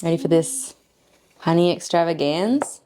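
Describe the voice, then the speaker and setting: A woman's voice: fairly low pitch, normal speed, mellow, slight background noise. A woman hosting a home cooking video, chatting playfully and joking as she plates a dessert in her kitchen. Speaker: cooking show host. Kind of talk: casual cooking demo chat.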